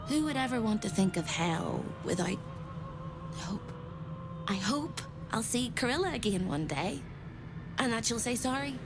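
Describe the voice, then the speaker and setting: An actress playing a traumatised, tenderly hopeful captive woman in a video game, speaking in an earnest, dreamy way. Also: mid-range voice. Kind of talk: video game drama acting.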